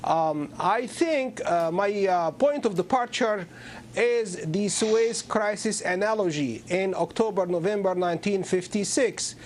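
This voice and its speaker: A man speaking as a guest analyst in a televised panel debate, deliberate and pausing often with fillers. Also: high-pitched, a little hiss or hum.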